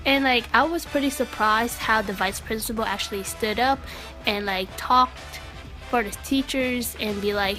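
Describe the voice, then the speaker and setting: A woman's voice: a little high, a bit bright. A woman with a stuffy cold reviewing an anime in a blunt, casual rant full of "like" and the odd swear word. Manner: chatty, blunt, swearing, lots of "like". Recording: music playing behind.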